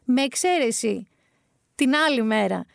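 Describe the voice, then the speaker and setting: A woman delivers political commentary in a vlog, her voice pitched a little high and recorded close and dry. She is sarcastic and emphatic, and she hammers her points by repeating them. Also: expressive, gravelly, no echo.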